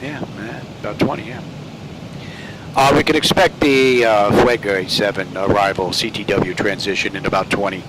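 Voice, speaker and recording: A man's voice: lowish voice, normal speed. A man giving casual, matter-of-fact pilot commentary on the progress of a flight. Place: small cockpit trainer. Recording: steady loud cockpit hum. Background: air conditioning-like engine hum.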